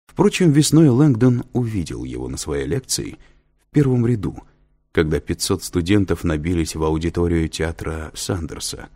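A man narrating an audiobook in an expressive storytelling manner. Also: low voice, moderate pace.

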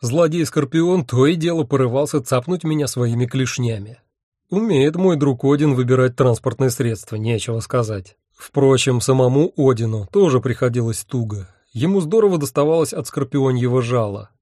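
A male audiobook narrator tells a first-person story with dry, ironic wit, lifting his voice for the lively bits of dialogue. His tone is dark and mellow, at a middle pitch for a man. The recording is close and dry, with no room sound. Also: no echo.

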